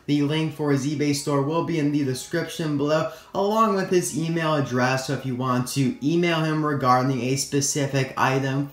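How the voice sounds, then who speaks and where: A man's voice: on the high side, fairly bright tone. A young American man chatting to viewers in a casual toy review, his speech slightly distorted after having his wisdom teeth out. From United States. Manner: chatty, addresses viewers as guys. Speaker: toy collector and review host. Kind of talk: casual scripted-free product review to camera. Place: indoor room at a tabletop. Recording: roomy echo, faint hiss and crinkling. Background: crinkling plastic packaging, clicks.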